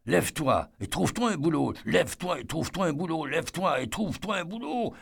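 A man voicing a harsh, drunken old father who growls and shouts his words, with a gravelly voice. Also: a little high, animated, brisk, pitched above the performer's own voice, full character voice. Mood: shouting. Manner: gruff, shouting and slurring when angry.

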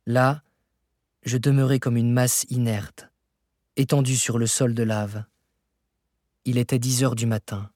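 A male reader narrates a classic adventure novel in a measured, expressive way. His voice has a husky edge at a middle pitch. The recording is close and dry. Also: no room sound. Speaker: audiobook reader. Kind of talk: scripted narration.

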